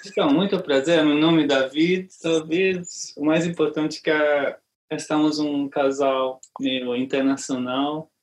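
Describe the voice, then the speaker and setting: A man from Hungary with a Hungarian accent, a native Hungarian speaker talking casually and a bit haltingly as a podcast guest in a language that is not his first. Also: fairly high pitch, steady tone. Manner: halting, imperfect non-native Portuguese. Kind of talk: casual chat.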